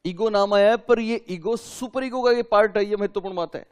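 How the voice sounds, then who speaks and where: A man's voice: sits high, fairly quick, smooth. A man lecturing a class, asking his students questions and repeating key terms for them to write down. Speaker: teacher.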